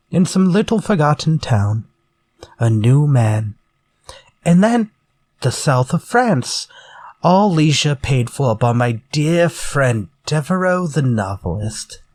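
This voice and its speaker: A male actor with a voice on the high side and a darkish tone plays a vengeful, menacing ex-convict murderer in a retro radio drama. His delivery is theatrical, taunting and deliberate.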